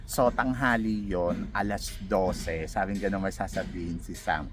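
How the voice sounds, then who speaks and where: A man casually telling a personal story as a vlogger, animated and laughing often as he acts out what others said. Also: low voice, unhurried, music in the background.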